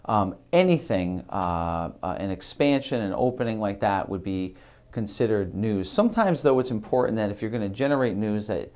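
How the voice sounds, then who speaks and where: Halting low-voiced man lecturing. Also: animated, darkish tone. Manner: halting, many ums and uhs, restarts. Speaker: marketing instructor. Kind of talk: instructional video lecture.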